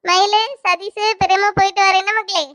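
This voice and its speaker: A voice actor playing a middle-aged aunt with a Kanyakumari accent who talks in a drawn-out, singsong way in a cartoon. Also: female voice, extremely high pitch, flat delivery, bright, forceful tone. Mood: chatty. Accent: Kanyakumari Tamil. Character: chatty, slow-talking aunt visiting family.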